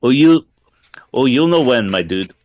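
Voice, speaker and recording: A man's voice: medium pitch, lively intonation, unhurried, darkish tone, dull audio, close to an everyday voice. A man voicing a laid-back young surfer dude with slangy, drawling talk.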